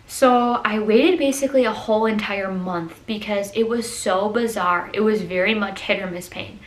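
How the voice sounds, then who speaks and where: A woman's voice: mid-range voice, normal speed. Woman vlogger chatting in an echoey room. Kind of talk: personal storytime vlog, casual chat. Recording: echoey, roomy sound.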